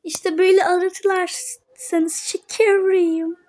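A woman narrates a casual role-play story and chats directly with her viewers. Her voice sits high, and she talks at a slow, easy pace. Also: little pitch movement, darkish tone. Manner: chatty, addresses viewers directly.

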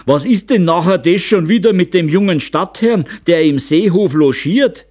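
Man doing a shouting Bavarian master craftsman. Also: high voice, lively intonation, normal speed, voice pushed up. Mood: angry. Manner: shouting, raised and strained voice. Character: blustering middle-aged male master craftsman, hot-tempered. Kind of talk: audiobook character voice.

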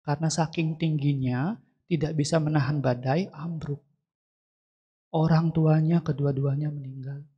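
A Buddhist monk with a slightly high, steady voice that's a little slow and breathy tells a story during a sermon in a temple hall. Now and then he turns to question his congregation directly, and the recording has a dull, lo-fi quality.

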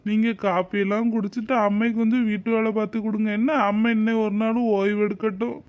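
An actor voicing a gentle village father in a cartoon, soothing and reassuring his children. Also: medium pitch, little pitch movement, fast, lightly acted. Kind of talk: cartoon voice acting.

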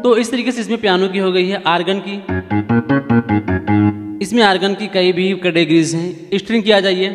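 A man's voice: sits high, steady tone, normal speed, long pauses, long reverb tail, faint music behind. A man hosting a casual how-to keyboard tutorial, chatty and repetitive, often asking viewers to keep watching. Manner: chatty, repeats points, pleads with viewers.

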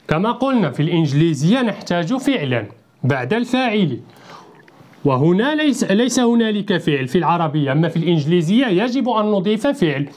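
An English teacher giving a bilingual grammar lesson, talking slowly and deliberately and repeating each word for the learner to drill. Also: medium pitch, darkish tone.

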